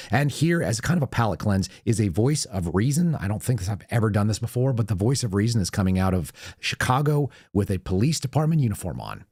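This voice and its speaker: An American man hosting a casual solo talk show, his voice raspy, reedy and hoarse. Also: lowish voice, a little mellow, no room sound, clean studio sound. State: hoarse, voice partly lost. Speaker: podcast host.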